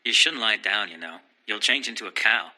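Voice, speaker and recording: An unflappable teenage boy in an anime cartoon. He talks quickly in a deadpan, matter-of-fact way, with a sharp, forceful edge. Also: fairly low pitch, low-quality recording. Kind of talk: English-dubbed anime acting.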